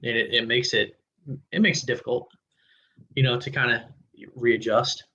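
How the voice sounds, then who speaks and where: A man hosting a podcast, chatting in a relaxed, friendly way with easy fillers, recorded in a home studio on a boom-arm mic. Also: normal speed, poor audio. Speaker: podcast host. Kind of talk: casual interview conversation. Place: indoor home studio room. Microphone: large studio mic on a boom arm.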